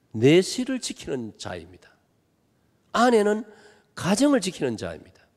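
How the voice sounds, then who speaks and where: A man in his sixties with a Gyeongsang accent preaches a revival sermon in a gravelly voice, throwing emphatic questions at his congregation. His pitch swings widely, and long church-hall reverb trails each phrase. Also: a little mellow. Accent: Gyeongsang Korean. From Gimhae, South Korea. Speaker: guest pastor. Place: church sanctuary.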